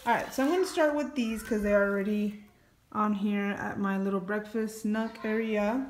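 A woman's voice: medium pitch, steady tone, moderate pace. Chatty woman in an echoey kitchen. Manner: chatty, many ums and likes. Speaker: family vlogger. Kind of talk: casual haul video. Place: home kitchen, indoors.

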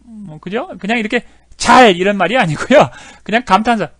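A middle-aged man explains English phrases in a chatty, filler-heavy way. His voice sits high and swings in lively pitch. The sound is dry and close. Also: a little fast, no room sound. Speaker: English teacher. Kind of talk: explaining lesson with video clips.

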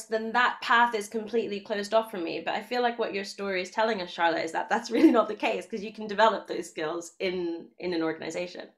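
A woman's voice: mid-range voice, fairly bright tone. A young adult woman moderating an online panel over a video call, upbeat and chatty, often laughing. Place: home room, indoors.

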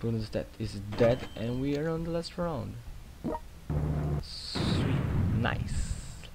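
This young gaming host, accented in Brazilian Portuguese, speaks slowly and expressively in a mid-range voice with vocal fry. He wanders casually through commentary on his strategy game, full of fillers and false starts, while noisy game music and battles play behind him.

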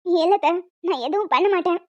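A woman's voice: extremely high pitch, fast talker. A woman voicing a remorseful, jealous young woman who talks in an earnest, pleading way. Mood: worried. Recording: dull lo-fi audio with music.

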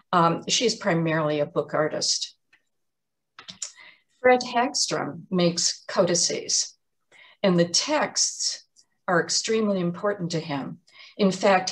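Woman, lowish voice, museum art lecture, measured, explanatory, frequent ums.

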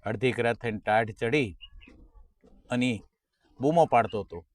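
A man tells one folk comedy joke after another. He acts out his characters' lines and now and then sings a slow line of a folk song. His voice sits at a middle pitch, recorded close and dry. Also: dry recording. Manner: storytelling, acting out characters' lines. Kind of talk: Gujarati folk stand-up jokes.

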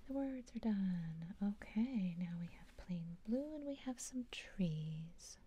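A woman with a soft, breathy, whispering voice, murmuring to herself in short fragments as unhurried ASMR commentary. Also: mid-range voice, lively intonation.

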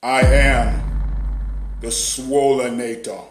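A man doing a deadpan, mock-solemn action-hero parody, speaking in clipped, robotic phrases. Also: mid-range voice, slow pace. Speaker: comedic fitness vlogger. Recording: roomy echo with loud music.

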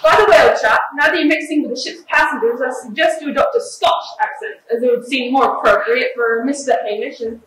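A teenage girl acting a shrewd, secretive male detective on a school stage, brisk and observant, heard far off in an echoey hall. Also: high voice, fairly bright tone, a little hiss or hum. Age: teens. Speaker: student actor. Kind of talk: stage play performance. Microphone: distant room mic.

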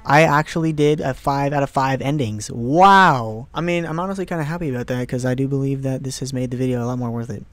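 A man's voice: mid-range voice, fast, few pauses. Young guy doing a lets play, gets worked up, swears, mutters to himself. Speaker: let's play gamer. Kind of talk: casual horror game commentary.

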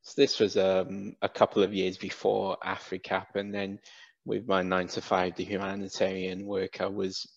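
A Welsh-raised British man in his thirties, who founded a cap business, chats as an interview guest over a headset on a video call from an indoor room. His low, creaky voice is relaxed and halting, full of fillers and restarts. The audio is dull and dry, with no room sound.

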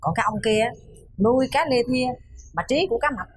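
A gossipy worried onlooker. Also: female voice, sits high, animated, fairly quick, husky. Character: worried woman watching the neighbors feud. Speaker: family onlooker. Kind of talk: TV sitcom acting.

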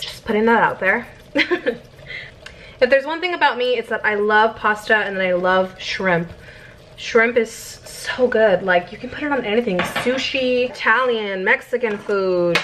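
A woman's voice: fairly high pitch, a little slow, a bit bright, low-quality recording. A young woman in her twenties chatting casually through a home cooking vlog, laid-back and giggly. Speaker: vlogger. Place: home kitchen. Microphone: camera set in the microwave.

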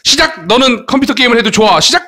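A man with a high, bright voice leads a children's English lesson. He coaxes his young listeners along and checks in with short tag questions again and again. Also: animated, fast. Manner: coaxing, frequent tag questions. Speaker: English teacher.

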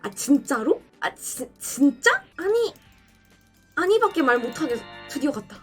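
A text-to-speech woman's voice giving gameplay commentary, excitable, with dramatic outbursts and pleading. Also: high voice, slow, soft background music. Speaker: game streamer.

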